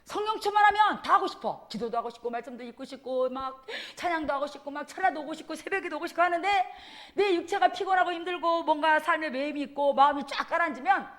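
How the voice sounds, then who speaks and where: A woman missionary giving a lively church teaching, animated and demonstrative, often laughing as she speaks. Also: high-pitched, fast. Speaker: missionary preacher.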